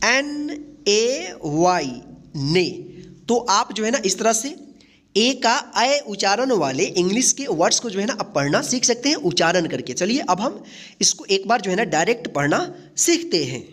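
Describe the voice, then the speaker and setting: A teacher giving a reading lesson, who spells each word letter by letter, asks how to read it, then answers with a lower-pitched word. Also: big pitch swings, normal speed, fairly bright tone. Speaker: English teacher.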